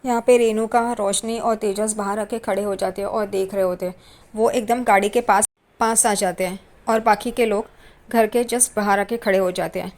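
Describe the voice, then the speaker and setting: Woman narrator, steady soft-spoken episode recap. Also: mid-range voice, normal speed. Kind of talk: retelling a TV episode.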